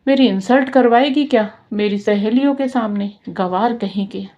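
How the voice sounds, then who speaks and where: A woman's voice: fairly high pitch, moderate pace, darkish tone, lo-fi sound, lightly acted. A woman voicing an arrogant elder daughter-in-law who speaks with scorn and insults in a storybook tale. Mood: scornful.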